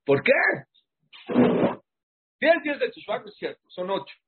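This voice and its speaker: A man giving an animated sermon, full of rhetorical questions to his listeners. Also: extremely high pitch, moderate pace, slightly rough. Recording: muffled lo-fi sound.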